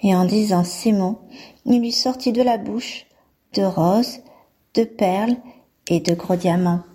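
A woman reading a fairy tale aloud and presenting a reading slot, steady and clear in her delivery. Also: medium pitch, slow. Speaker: storyteller and presenter.

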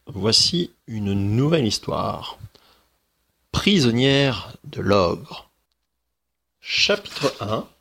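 A man who is a schoolteacher, reading a children's story aloud in a slow, expressive way. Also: medium pitch, gravelly, husky.

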